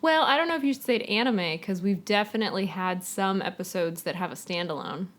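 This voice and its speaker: A young woman co-hosting a podcast, chatting in a relaxed, agreeable way. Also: medium pitch, fairly quick. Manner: relaxed, agreeable, with frequent back-channel "mm-hmm". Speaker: podcast co-host. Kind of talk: casual chat.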